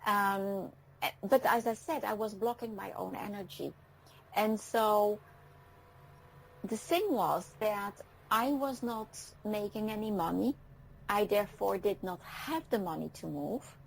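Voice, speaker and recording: A woman in her fifties from France, raised speaking French and Dutch, talks as a guest on an internet radio show. Her mid-pitched voice has a gravelly edge of fry. She takes her time and thinks out loud, with frequent pauses and ums. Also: slight background noise, poor audio. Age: 50s. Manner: reflective, pausing often with ums.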